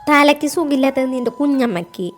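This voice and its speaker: A spirited young bride with a sharp tongue, as a woman reads her lines. Her voice sits high and lifts with energy. The retorts come quick and cheeky. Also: lively intonation, soft background music. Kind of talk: storybook character voice.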